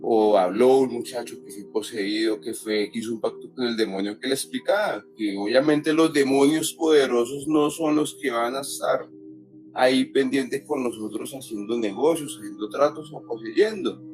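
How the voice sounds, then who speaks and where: A man's voice: medium pitch, normal speed, a little mellow, faint music behind, low-quality recording. Earnest Colombian man recounting a story. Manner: earnest, restarts and repeats himself while recounting. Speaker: guest telling a true story. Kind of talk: radio storytelling, personal paranormal account.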